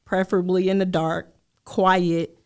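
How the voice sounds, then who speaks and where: A middle-aged woman shares her story as a podcast guest, taking her time over each phrase. Her voice sits somewhat low and comes through smooth and clear, in a measured, open manner. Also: little pitch movement. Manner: slow, measured, candid. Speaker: guest, life coach. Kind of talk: podcast interview.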